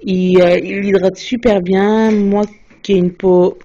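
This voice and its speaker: A woman's voice: medium pitch, level tone, takes it slowly, warm tone. A young woman chatting casually about her recent beauty purchases, hesitant, with many fillers and restarts, recorded on a phone. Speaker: beauty vlogger. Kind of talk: casual product haul chat. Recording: dull lo-fi phone video.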